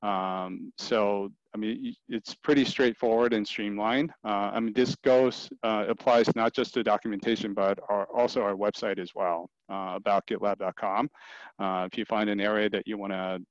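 Male presenter with a low voice, relaxed and filler-heavy, on dry lo-fi video call sound. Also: moderate pace, no room sound. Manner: casual, many fillers and restarts. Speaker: community program manager presenting. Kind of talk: screen-share meetup presentation.

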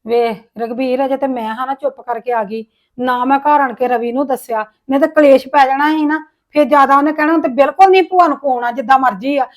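A woman's voice: sits high, fast. A woman acting a widowed sister-in-law in a family drama, complaining in an aggrieved, lamenting way.

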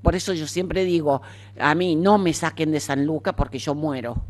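Chatty older Argentine woman, low voice. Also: normal speed. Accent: Argentine Spanish. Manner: chatty, frank, animated, lots of fillers. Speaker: interviewee, cancer survivor. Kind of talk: casual conversational storytelling.

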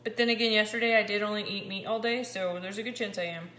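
A keto vlogger in her forties chats casually to camera in her home kitchen, excitable, fast and medium-pitched, her voice slightly scratchy as she handles a meter. The camera points down at the countertop, and the kitchen is echoey with clear background noise.

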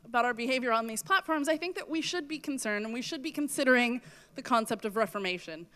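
On a big festival tent stage, a thirties-aged woman gives a talk into a handheld mic, her voice fading as she goes. It's a little high and bright, expressive and forceful, and she speaks fast. Her manner is earnest, with frequent self-corrections.

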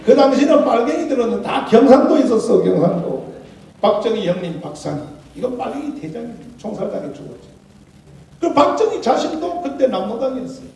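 Male pastor, 60s, Gyeongsang accent, fiery sermon, high voice, booming hall sound. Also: big pitch swings, a little fast, creaky, slight background noise. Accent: Gyeongsang Korean. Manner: loud, swings from mutters to shouts. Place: large hall at a breakfast gathering. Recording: echoey hall, mic at a distance.

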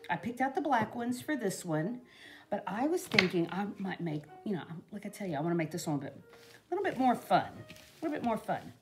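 A woman's voice: mid-range voice, very animated, brisk, over loud music. Lady rambling thru a home craft demo, voice goes way up and down, says you know constantly. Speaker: craft vlogger. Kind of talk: casual crafting demo talk. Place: indoors at a craft table in a home.

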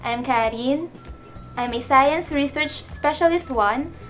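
A woman's voice: sits high, slow, fairly bright tone, faint music behind. A woman in her twenties with a Filipino accent, a researcher explaining farm methods with hesitant fillers. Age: 20s. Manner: mixes Tagalog and English, hesitant fillers. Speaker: science research specialist.

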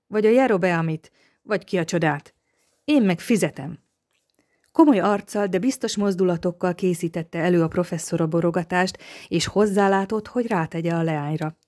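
Calm woman reading an audiobook. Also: fairly low pitch. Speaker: audiobook reader. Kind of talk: audiobook narration.

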